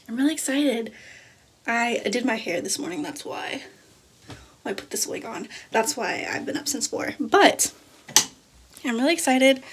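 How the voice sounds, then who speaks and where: A woman's voice: a little high, slightly rough. A young woman, chatting casually and upbeat into her phone camera at home and in her car, with frequent fillers. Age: early 20s. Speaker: vlogger. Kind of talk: casual vlog chat. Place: home bedroom, apartment and parked car. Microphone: phone camera held at arm's length.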